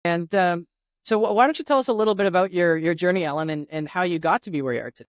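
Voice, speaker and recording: Hesitant podcast host, fairly high voice. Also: male voice, fast talker, no echo, clean studio sound. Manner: hesitant, many fillers and restarts. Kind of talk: interview hosting.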